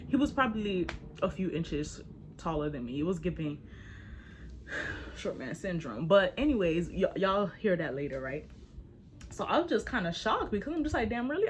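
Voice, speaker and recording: A woman in her twenties telling a casual storytime to her viewers, animated and slangy, speaking straight to the audience. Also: on the low side, slight background noise. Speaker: storyteller, vlogger.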